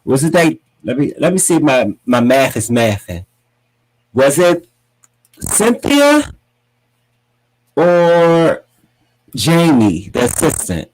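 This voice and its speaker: A man hosting a podcast, giving sassy, dramatic gossip commentary and often jumping into high, mocking voices. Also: sing-song, slow, long pauses, a little mellow, low-quality recording. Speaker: podcast host.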